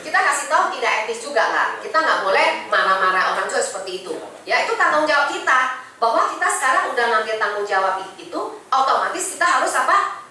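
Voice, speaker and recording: A woman's voice: high-pitched, very animated, quick pace, sharp tone. A middle-aged woman with an Indonesian accent, giving a chatty motivational talk to an audience and often asking them questions. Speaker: insurance agency director giving a talk. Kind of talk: motivational sharing session to an audience. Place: meeting room with an audience. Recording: echoey room, voice from a distance.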